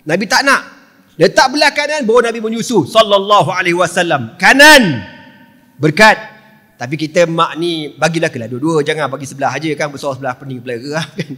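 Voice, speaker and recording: A male preacher with a Malaysian Malay accent tells a sacred story like a comic, in slangy asides. His voice sits high for a man. The hall gives every line a long reverb. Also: expressive, brisk, pushed and bright. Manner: playful, slangy, keeps asking the crowd "you know?".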